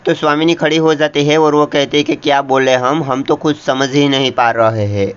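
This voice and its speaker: A man tells a TV serial episode back scene by scene in a steady, chatty storytelling flow, addressing his viewers as friends. His voice sits a little high and sounds smooth and clear. The recording itself is dull and lo-fi. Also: moderate pace. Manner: retells scenes in a steady storytelling flow, often with "then she says". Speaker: channel host recapping a TV serial. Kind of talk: casual episode recap narration.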